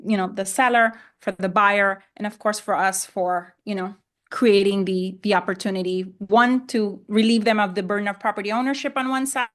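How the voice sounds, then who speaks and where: Speaking at a medium pitch and normal speed with a steady tone, a middle-aged Honduran woman, a native Spanish speaker, is interviewed as a land investor on a podcast. She talks conversationally, often repeating and rephrasing herself.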